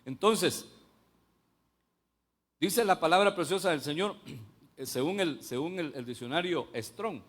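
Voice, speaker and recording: A man's voice: on the high side, lively intonation, slow pace, long pauses, a bit bright. A man preaching a sermon, stressing points by repeating them and putting questions to the congregation. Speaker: pastor.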